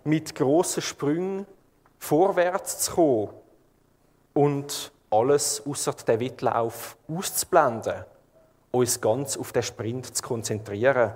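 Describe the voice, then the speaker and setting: A male preacher with a Swiss German accent and a mid-range voice gives his sermon calmly and unhurriedly, painting vivid scenes for the congregation. The long reverb of a church hall surrounds his voice.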